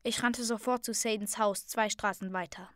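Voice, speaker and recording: A woman reading a fantasy story aloud in a calm, soft voice that sometimes drops to a near whisper. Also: medium pitch, normal speed, dry recording, studio quality.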